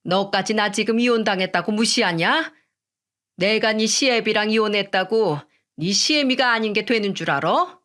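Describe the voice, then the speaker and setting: A woman's voice: mid-range voice, normal speed, fairly bright tone, lightly acted. A woman voicing a rude, greedy older mother-in-law who scolds and bosses in a coarse way, in a read-aloud story. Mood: scolding. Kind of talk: storytelling radio drama reading.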